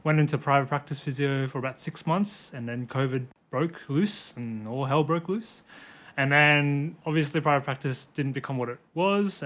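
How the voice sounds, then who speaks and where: A young Australian man chats easily on a podcast, with a mid-pitched voice and a quick laugh. He tells stories with relaxed, self-deprecating asides. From born in Hong Kong, raised in Brisbane, Australia. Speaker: physiotherapist guest. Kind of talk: casual podcast chat.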